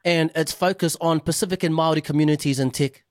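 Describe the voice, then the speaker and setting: A man hosting a radio interview, relaxed and friendly, joking easily with his guest. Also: fairly high pitch, fast talker, dry recording, clean studio sound. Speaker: radio host.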